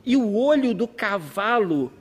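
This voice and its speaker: A young man telling an animated story in casual chat, acting out voices and sounds. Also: high voice, measured pace, husky. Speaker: podcast storyteller. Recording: long hall reverb.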